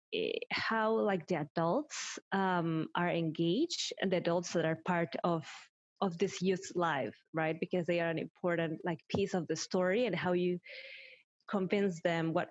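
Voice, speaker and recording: A woman from Peru, asking questions in a video call, excitable and laughing. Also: on the low side, no room sound, dull audio.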